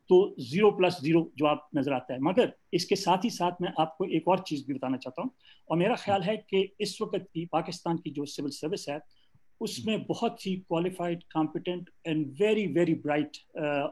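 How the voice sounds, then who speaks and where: An older man with a Pakistani accent gives an off-the-cuff panel talk, making emphatic points with hesitant pauses. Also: high-pitched, darkish tone. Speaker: civil service academic and guest speaker. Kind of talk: extempore panel talk on video call, mixing English and Urdu.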